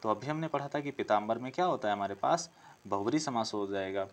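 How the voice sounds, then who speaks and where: Speaking fast in a lowish voice, a man leads an exam-prep class, posing questions aloud, answering them himself, and going back over key phrases while explaining.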